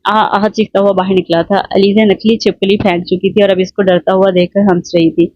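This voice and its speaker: A woman narrating a romance novel in a steady storytelling voice, in a dull lo-fi recording. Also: medium pitch, fairly quick, no room sound. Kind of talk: audiobook narration.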